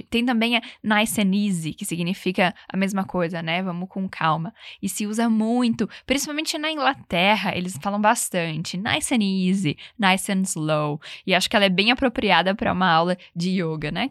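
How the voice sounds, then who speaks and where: A woman teaching English, explaining phrases and leading repetition drills, saying the English examples slowly and clearly. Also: mid-range voice, a bit bright, no room sound, studio quality. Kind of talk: language lesson with repetition drills.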